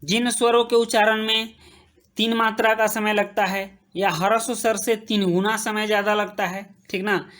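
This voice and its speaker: A woman teaching a grammar lesson, slowly repeating each term as she writes and checking in with her students. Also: medium pitch, flat delivery, a bit bright. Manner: slow, repeats terms while writing, checks in with "ठीक".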